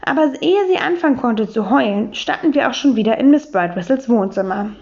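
Lively woman reading a storybook. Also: on the high side, fairly quick. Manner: lively first-person telling as a boy. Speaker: audiobook reader. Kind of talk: children's storybook narration. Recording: dull lo-fi recording.

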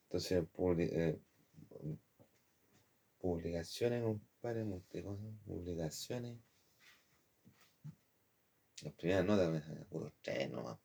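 A man's voice: low voice, lively intonation, slow, vocal fry, long pauses, dark tone, husky. A man with a Chilean accent telling a personal story from his design studies in a rambling, slangy way, often calling the listener "compadre". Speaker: former design student.

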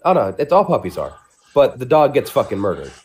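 A man's voice: medium pitch, big pitch swings, fairly quick, darkish tone. A man co-hosting a podcast, chatting casually about movies in long, rambling explanations with frequent restarts. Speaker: podcast co-host. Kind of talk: casual chat.

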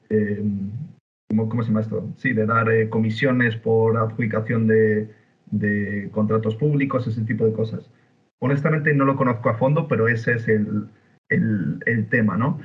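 A man from Spain, a podcast guest chatting casually from Buenos Aires over a remote call, halting with fillers and restarts. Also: mid-range voice. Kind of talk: casual opinion chat. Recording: tinny phone-like line.

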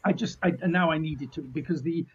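A man's voice: fairly high pitch, a little fast, breathy edge, muffled recording. A middle-aged man, telling anecdotes in casual chat in a jokey, self-deprecating, mildly sweary way. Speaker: martial artist being interviewed.

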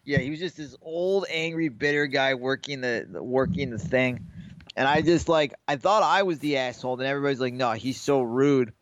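Over lo-fi audio with no room sound, a man co-hosts a casual sports betting podcast in a medium-pitched, fairly bright voice that runs a little fast. His stories wander, are full of profanity, and include acted-out quotes from the people in them.

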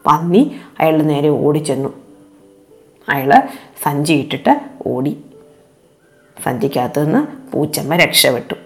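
Low-voiced woman telling a children's story. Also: sing-song, measured pace, pauses often, soft background music.

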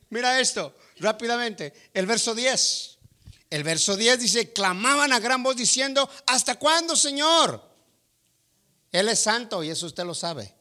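A male preacher with a high, bright, forceful voice delivers a sermon. He talks emphatically, calls his listeners brother and keeps asking them rhetorical questions. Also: animated, moderate pace.

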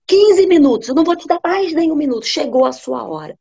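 A woman's voice: a little high, measured pace, voice pushed up, close to an everyday voice. A woman voicing Bluebeard, a menacing murderous husband who barks threats at his wife. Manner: loud, threatening commands.

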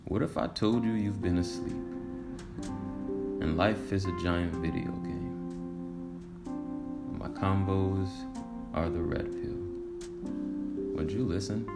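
A man delivering a scripted podcast intro in a measured, contemplative way. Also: low voice, steady tone, creaky. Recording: loud plucked guitar music underneath. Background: guitar music.

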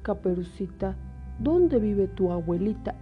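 A woman voicing a sly, hungry male storybook wolf in a slow, drawn-out wolf voice. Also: mid-range voice, expressive, narrow, tinny audio, natural voice. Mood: falsely friendly. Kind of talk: storybook character acting. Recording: music behind the voice.

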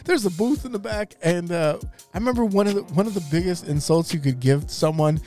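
A man co-hosting a casual comedy podcast, excitable, stammering and laughing a lot. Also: sits high, brisk, soft background music. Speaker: podcast co-host.

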